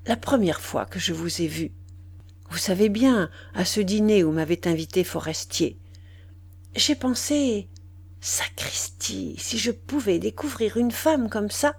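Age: young adult. Figure: a woman reading a hushed young suitor. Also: mid-range voice, animated, a little slow, vocal fry, slightly rough, no room sound, full character voice. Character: young man, bold suitor, awkward with his new wife.

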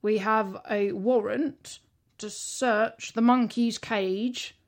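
A storybook policeman, formal and official, given voice by a woman reader. He speaks slowly in a slightly high register. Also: fairly even intonation. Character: matter-of-fact male police officer.

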